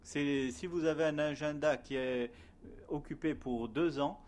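A man's voice: on the high side, measured pace, darkish tone. A man giving a spoken testimony and sermon, telling his story in a hesitant way with many fillers, then earnestly exhorting his listeners.

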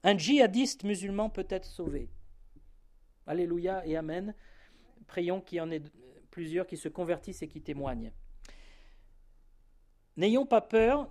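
A man's voice: high voice, a little mellow. Emphatic male preacher. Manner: emphatic, rising on key words, frequent tag "hein". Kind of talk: evening sermon.

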